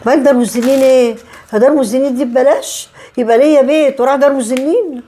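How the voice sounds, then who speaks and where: An actress playing an older Egyptian mother who lament in shock and repeats herself, with a husky voice. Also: high voice, fast, dark tone. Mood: bitter. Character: distraught older mother, betrayed and homeless. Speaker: mother evicted by her son. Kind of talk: web drama acting.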